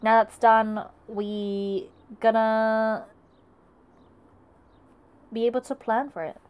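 A woman's voice: a little high, little pitch movement, slow pace, clean tone, highs cut off. A young woman casually chatting with her live chat while she crafts, greeting viewers and often restarting her sentences. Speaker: arts and crafts streamer.

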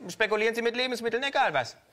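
A man's voice: expressive, rapid-fire, fairly bright tone. A man voicing a cynical, ruthless male kangaroo investor in a comic story reading, brash and sneering. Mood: scornful. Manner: brash, sneering, shrill outbursts.

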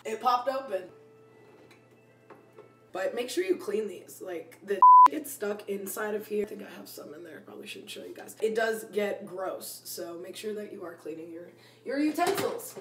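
A woman in her twenties, voice worn from use and going, hosts a casual cooking vlog from a small home kitchen. She sounds animated, bright, and forceful at a moderate pace in a mid-range voice, playful and slangy with silly rhyming word endings. Filmed by phone camera close and then a few steps back, the sound is roomy and distant over soft background music.

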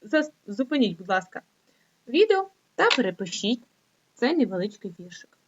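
A middle-aged woman teaching an online lesson to young children, reading slowly and in a sing-song way. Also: sing-song, background noise. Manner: slow, sing-song reading with rising pitch. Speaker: primary school teacher. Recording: dull lo-fi recording.

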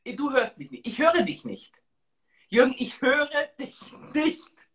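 A woman in her forties hosting a casual live stream, chatting in an expressive, exclamatory way. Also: high-pitched, takes it slowly. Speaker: host of a live-stream talk show. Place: small tiled room indoors.

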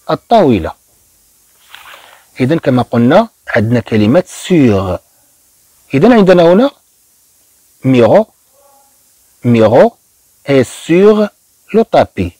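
A man with a Moroccan Arabic accent teaching beginner French, slowly and patiently repeating each phrase for learners. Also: medium pitch, big pitch swings, warm tone, dry recording, poor audio. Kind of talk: beginner language lesson.

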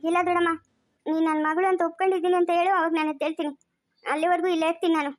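Brief: a woman playing a begging young daughter, high and insistent. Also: steady tone, racing. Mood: pleading. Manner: pleading, insistent. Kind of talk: amateur family drama acting.

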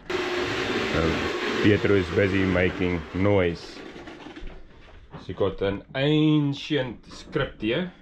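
Man, sailing vlogger, slow and easygoing, a little tired, handheld camera on deck. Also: deep voice, noisy background. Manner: relaxed, laughing, stop-start. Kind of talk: casual chat to camera. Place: on a sailing catamaran at sea.

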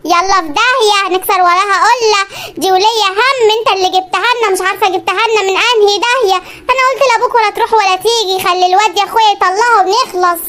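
A woman's voice: very high-pitched, racing, fairly bright tone. A performer voicing an older Egyptian mother who is scornful and meddling, egging her son on to divorce. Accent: Egyptian Arabic. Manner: scornful, stirring up trouble.

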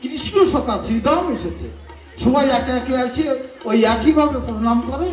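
A man's voice: extremely high pitch, moderate pace, roomy sound, far from the mic, some chatter behind. A man with a Bengali accent telling a devotional folk story on stage, acting out each character's dialogue. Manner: animated, switches voices for quoted characters. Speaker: kobi gaan performer. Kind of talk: sung storytelling with acted dialogue.

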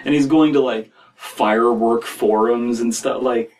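Commenting on stories for his podcast, a young American man rambles casually, leaning on "like" and "you know." His mid-range voice is steady, unhurried, and darkish in tone. He records indoors in a small home room on a distant mic with room noise.

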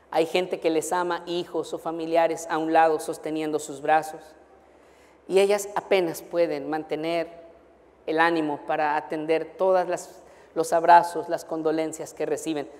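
A man with a Mexican accent, a pastor telling a story in a sermon, dramatic and emotional, swinging between loud urgency and hushed sorrow. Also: fairly high pitch. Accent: Mexican Spanish. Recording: long hall reverb.

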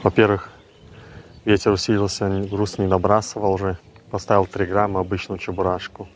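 A man giving casual, low-key fishing commentary in short, terse remarks, recorded outdoors with wind on the mic. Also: monotone, normal speed. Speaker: angler filming himself. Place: outdoors on a windy lake shore. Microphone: action camera worn on the body. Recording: outdoor wind and ambient noise.

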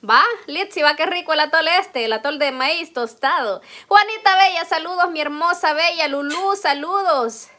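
A woman's voice: sits high, expressive, normal speed, hardly any pauses. A Salvadoran woman with a homely, talkative manner, cooking at home and chatting to her viewers. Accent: Salvadoran Spanish. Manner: homely, talkative, addresses viewers warmly as "usted". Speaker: cooking vlogger. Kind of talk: chatty live cooking stream. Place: home kitchen. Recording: clatter of pots and utensils.

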